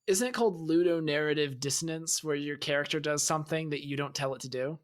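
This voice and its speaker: Analytical man in quick gaming chat. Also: a little high. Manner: analytical, explains game mechanics in quick bursts. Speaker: podcast co-host.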